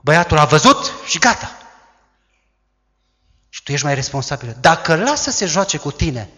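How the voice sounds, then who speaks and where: A man preaching a sermon, who acts out quoted voices loudly and dramatically. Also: a little high, sing-song. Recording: long hall reverb.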